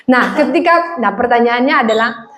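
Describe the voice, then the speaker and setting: A woman's voice: a little high, normal speed, noisy background. A woman pastor, giving a sermon and telling a funny story, acting out the voices in it. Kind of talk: sermon with humorous anecdote. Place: church hall. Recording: echoey church hall.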